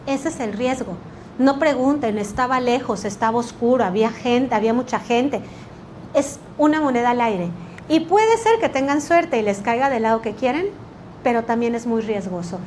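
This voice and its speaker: A woman teaching a litigation workshop, energetic and quizzing the class with rhetorical questions. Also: on the high side, normal speed, a little hiss or hum. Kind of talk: workshop lecture.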